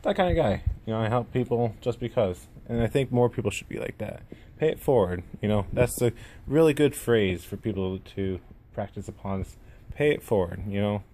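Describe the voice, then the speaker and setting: Lisping man with drawn-out S sounds. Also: lowish voice, animated, dark tone. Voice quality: lisp with drawn-out, slurred S sounds. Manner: rambling, self-effacing. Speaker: gaming YouTuber introducing himself. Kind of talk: casual unscripted vlog to camera. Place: indoors at home. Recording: noticeable room noise.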